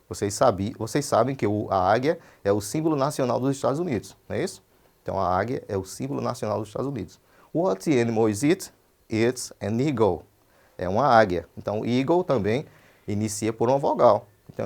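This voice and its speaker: Teaching English on a broadcast, a Brazilian man rattles off explanations in Portuguese, then slows down to enunciate each English example. He keeps asking "certo?" to check comprehension, and his mid-range voice sounds creaky and slightly mellow.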